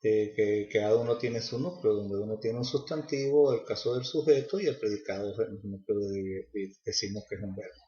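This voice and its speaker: A man's voice: lowish voice, brisk, few pauses, warm tone. Male student presenter, hesitant and filler-laden, echoey dull lo-fi recording. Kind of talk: class presentation.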